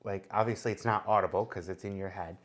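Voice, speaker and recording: A man's voice: low-pitched, fairly even intonation, quick pace, a bit bright. A man co-hosting a casual chat, explaining ideas at length and thinking aloud with many fillers. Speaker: co-host.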